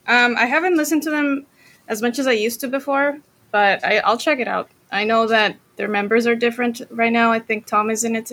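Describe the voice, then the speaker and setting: Chatty young woman from Costa Rica. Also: medium pitch. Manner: relaxed, rambling with many fillers and restarts. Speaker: guest drummer. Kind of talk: casual interview chat.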